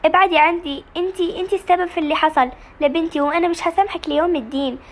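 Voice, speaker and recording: A woman's voice: very high-pitched, steady tone, rapid-fire. A woman with an Egyptian Arabic accent voicing a grieving, furious middle-aged aunt in a story reading, bitter and accusing.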